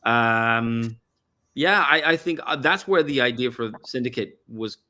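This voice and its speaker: A man's voice: mid-range voice, a little slow, pushed and bright. A middle-aged man from Denmark, a musician guest chatting casually in an interview, rambling and correcting himself as he goes. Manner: rambling, self-correcting storyteller.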